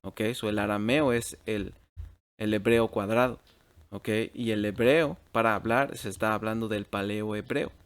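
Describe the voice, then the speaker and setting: A man's voice: on the low side, steady tone, moderate pace, smooth. A man teaching a Bible class over shared slides at a computer mic, checking in with "ok?" after nearly every phrase and dropping English words into his Spanish.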